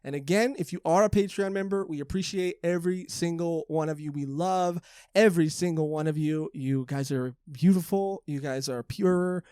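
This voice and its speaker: A man's voice: on the high side, normal speed, warm tone, clear, resonant tone, no room sound. Male podcast host, loose filler-heavy delivery, dry close mic. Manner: rambling, filler-heavy, friendly thanks. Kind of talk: casual podcast chat.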